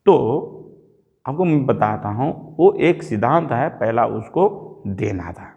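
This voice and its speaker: A native Nepali speaker from Nepal preaches a sermon, telling an animated childhood story and acting out the quoted dialogue. His medium-pitched voice takes things slowly, and the recording sounds lo-fi.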